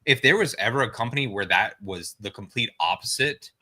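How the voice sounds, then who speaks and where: A man appearing as a podcast guest, arguing fast in casual chat with lots of fillers. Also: mid-range voice, expressive, bright, forceful tone.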